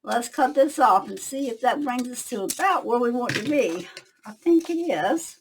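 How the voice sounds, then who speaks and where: An older woman, hosting a casual crafting tutorial from her craft shop, chatting to viewers as she works and going quiet while she concentrates. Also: on the high side, animated, normal speed, a little hiss or hum, rough recording. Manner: chatty, talks to viewers while working, trails off when concentrating.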